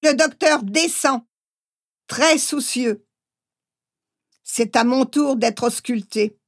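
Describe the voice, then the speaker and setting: A woman narrating a first-person memoir audiobook in a measured reading voice. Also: high voice.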